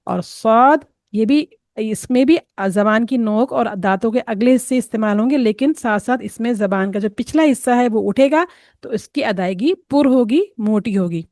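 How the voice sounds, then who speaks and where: A woman gives a patient tajweed lesson, sounding out each letter slowly and slipping English words into her explanations. Her voice sits a little high. It is recorded close and dry, with no room sound. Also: darkish tone, dry recording. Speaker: Quran recitation teacher.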